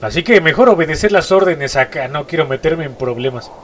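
Stuffy-nosed Mexican gamer, jumpy. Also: male voice, fairly high pitch, animated, a little fast, slight background noise. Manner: jumpy, repeats short exclamations. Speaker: gaming YouTuber. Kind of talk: horror gameplay commentary.

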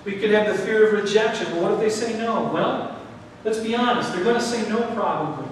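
A middle-aged man preaching a sermon in a church, animated, acting out what people think. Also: high-pitched, fairly quick, slight background noise. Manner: animated, gesturing while preaching, acts out quoted thoughts. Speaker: pastor. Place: church sanctuary, indoors. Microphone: far camera, no mic worn. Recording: echoey hall from far off.

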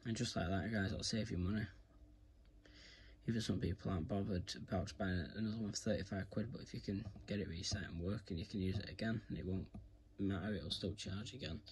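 A British man films his hands on a phone in a carpeted room at home, presenting a casual how-to video. His low voice is a little mellow and fairly quick, with slight background noise. He explains informally, rambling and repeating himself.

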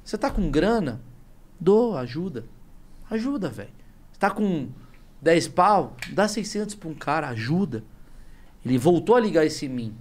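A man in his thirties from Brazil talks as a podcast guest, pouring feeling into his stories. He is emphatic and slangy, and his voice sits a touch high for a man. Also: very animated, normal speed, pauses often, a little hiss or hum. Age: 30s. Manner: emphatic, emotional storytelling with heavy slang. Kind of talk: casual podcast chat.

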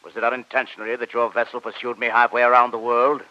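An actor playing a proud, embittered submarine captain in an old radio drama, imperious, formal and theatrical. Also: male voice, mid-range voice, flat delivery, fast talker, bright, forceful tone, no echo, close to an everyday voice. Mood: indignant. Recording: muffled old radio recording.

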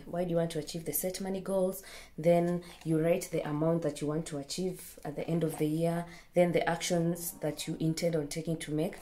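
A young Kenyan woman vlogging from her bedroom, casually showing a planner and pausing with fillers as she pages through it. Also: deep voice, mellow, a little hiss or hum. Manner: chatty, unhurried, pauses with fillers while leafing through a planner. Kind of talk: casual product show-and-tell. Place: bedroom, indoors.

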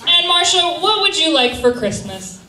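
High-pitched young woman, sassy stage host, teasing comic banter, echoey theatre, distant sound. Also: sing-song, normal speed. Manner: projecting to a crowd. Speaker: burlesque revue host. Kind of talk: improvised comic stage banter with audience volunteers. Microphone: handheld microphone through PA, picked up from afar. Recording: echoey theatre, distant camera, loud crowd noise. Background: laughing, noisy audience.

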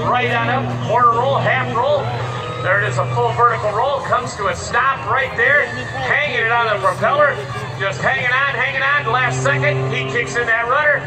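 A man doing live airshow commentary as announcer, with a showman-like delivery and drawn-out repeated phrases. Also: high-pitched, very noisy. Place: outdoor airfield, heard over loudspeakers. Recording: distant echoing PA speakers outdoors, loud music.

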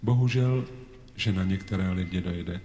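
A man's voice: deep voice, warm tone, highs cut off. A man in his forties chatting and joking with a live audience between songs, teasing and talkative in a raised stage voice. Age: 40s. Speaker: singer-songwriter on stage. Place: live concert hall with audience. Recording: echoey live hall recording, audience noise.

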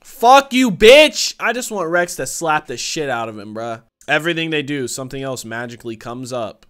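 A man's voice: mid-range voice, animated, brisk, sharp tone, clean tone, soft background music. Casual, slangy young man reacting. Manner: slangy, profane. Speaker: reaction video host. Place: small indoor room with shelves.

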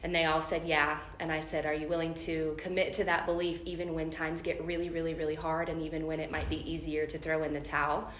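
A woman's voice: low-pitched, completely flat delivery, quick pace, hardly any pauses, a bit bright. A middle-aged woman, a head coach, speaking earnestly at a postgame press conference with frequent ums. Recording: echoey room, faint noise.

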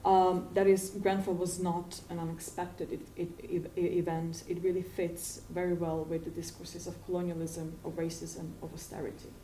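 In a university seminar room, a woman in her forties answers on an academic panel, hesitating with fillers and restarts, though she speaks at normal speed with few pauses. Her voice is fairly low and level in tone. The distant room mic yields an echoey recording with noisy background.

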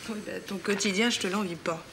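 A woman's voice: mid-range voice, quick pace, natural voice. An actress playing a sulky, defensive young woman who answers curtly and prickly in a TV sitcom. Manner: curt, prickly. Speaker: sitcom character. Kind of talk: 1990s TV sitcom acting. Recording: TV sitcom audio with background noise.

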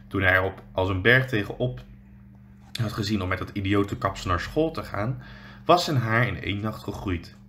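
A male teacher reading a children's book aloud in a steady storytelling way with small slips. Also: mid-range voice, slight background noise.

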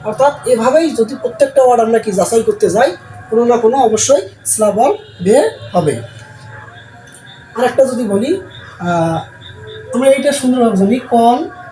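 A man's voice: very high-pitched, a little fast, long pauses, mellow, faint music behind. A male teacher, giving a classroom lesson and answering his own questions over and over. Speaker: English teacher. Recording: roomy sound with faint background noise.

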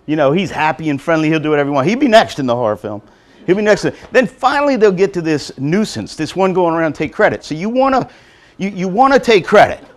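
A man giving a lively, joking motivational talk to nursing assistants, acting out quotes as he goes. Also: a little high, fast talker. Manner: animated, joking, acts out quotes. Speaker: motivational speaker. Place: college hall before an audience.

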